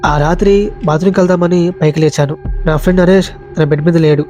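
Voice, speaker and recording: A man narrates a horror tale in a tense, dramatic voice-over, racing through the lines. His voice is dark and mellow and sits a little high, with a flat, even pitch. Faint music plays under him. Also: fast talker. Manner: tense, dramatic first-person telling. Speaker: storyteller.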